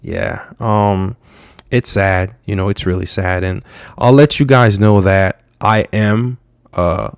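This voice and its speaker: A young man from Haiti giving frank, halting political commentary, with many fillers and restarts. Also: lowish voice, fairly even intonation, gravelly, clear, resonant tone, dry recording, studio quality. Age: young adult.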